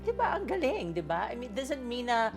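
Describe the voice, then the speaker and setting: A woman's voice: on the high side, sing-song, brisk. A woman speaking with an American-tinged Filipino accent, a chatty and playful interview guest who mixes English and Tagalog. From Philippines, raised in the United States. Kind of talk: casual Taglish chat. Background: background music.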